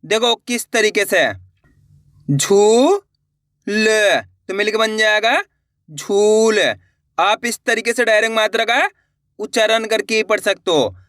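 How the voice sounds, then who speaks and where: A man's voice: sits high, fairly even intonation, moderate pace, pushed and bright, no room sound, studio quality. A man teaching a reading lesson, sounding out each word syllable by syllable and stretching the long vowels, talking to viewers in an encouraging way. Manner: addresses viewers as friends, encouraging.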